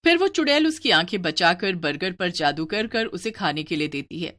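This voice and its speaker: A woman narrating a cartoon story in an expressive, storytelling manner. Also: lowish voice, moderate pace.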